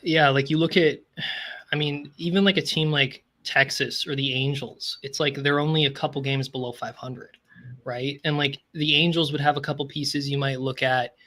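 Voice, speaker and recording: A man's voice: medium pitch, fairly even intonation, normal speed, pushed and bright. A man with a Canadian accent co-hosting a podcast, chatting casually about baseball with lots of filler words. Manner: chatty, full of "like" and "right?" fillers. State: throat-clearing, losing his voice. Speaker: podcast co-host. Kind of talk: casual sports chat.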